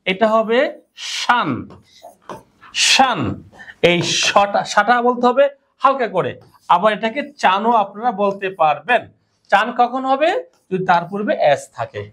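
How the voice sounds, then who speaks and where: A woman's voice: on the high side, fairly bright tone. A woman teaching pronunciation in class, drilling her students with repeated questions and call-and-response. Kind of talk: classroom lesson.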